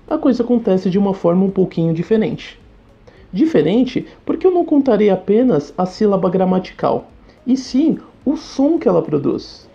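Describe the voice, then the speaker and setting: A woman teacher with a Brazilian Portuguese accent, giving a recorded lesson that she explains step by step while asking the class quick questions. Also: medium pitch, vocal fry, warm tone. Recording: slightly dull recording with faint music.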